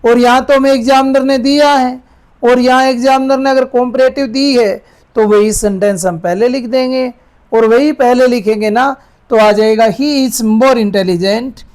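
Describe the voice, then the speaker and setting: A man's voice: very high-pitched, a little mellow. A man teaching an English grammar class, explaining step by step, calling his students "beta" and often checking whether they understood. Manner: explains step by step, slowly repeating sentences word by word; calls students "beta", asks checking questions.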